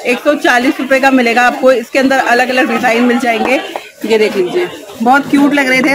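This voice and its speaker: A chatty woman with a high voice films herself strolling through a crowded outdoor street market on a handheld phone. She keeps asking sellers for prices and repeats them to her viewers in a casual, friendly vlog manner. Heavy crowd chatter surrounds her. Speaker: market vlogger. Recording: loud crowd noise outdoors.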